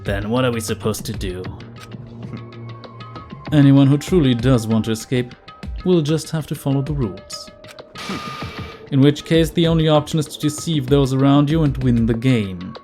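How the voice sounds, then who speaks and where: A man's voice: mid-range voice, normal speed, dark tone, voice pushed up, lightly acted. Sneering, superior young man for a mystery game acted out by a man, cold and pompous, faint music behind. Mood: cold cynicism.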